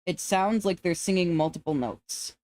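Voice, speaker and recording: A streamer with an androgynous to femme-sounding voice, chatting casually with viewers in a rambling, relaxed way. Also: mid-range voice, normal speed. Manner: relaxed, rambling, laughs often, restarts sentences.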